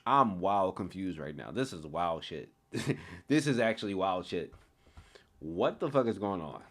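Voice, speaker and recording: A man on a casual reaction stream, reading a web novel and talking back to his chat, excitable and swearing often. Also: deep voice, unhurried.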